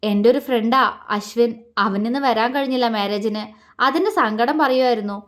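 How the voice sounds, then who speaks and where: Woman narrator voicing a newlywed husband, teasing and soft-spoken, fairly high voice, audio storybook. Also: moderate pace. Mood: casual. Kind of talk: romantic story reading.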